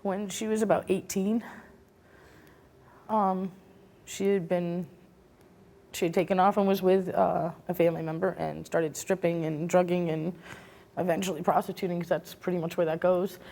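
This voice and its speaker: A woman's voice: on the low side, fairly even intonation, moderate pace, gravelly, long pauses, dark tone. A middle-aged woman speaking as a guest on a talk show, earnest and regretful, turning defensive when challenged. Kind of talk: emotional talk show testimony.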